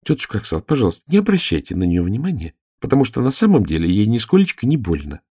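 A man voicing a mischievous little girl dressed as a page, in a high, pleading, lively voice for a storybook reading. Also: fast talker, slightly rough, no room sound, studio quality, full character voice. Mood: earnest.

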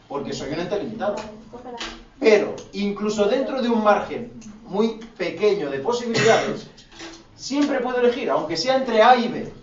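Male philosophy teacher, Spain Spanish accent, higher voice. Rhetorical, colloquial, needles his students. Classroom echo, picked up from a distance. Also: slight background noise. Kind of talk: classroom lecture. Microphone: distant room mic. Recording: echoey, dull classroom audio from far off.

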